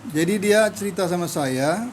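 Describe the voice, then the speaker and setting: A man tells his own story as an interview guest, and his voice sits fairly high for a man. He acts out the lines of everyone in the story, and his pitch jumps up and down as he does. A faint hiss runs under the recording. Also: moderate pace, low-quality recording. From Medan, Indonesia. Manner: animated storyteller who acts out quoted dialogue. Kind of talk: personal testimony in an interview.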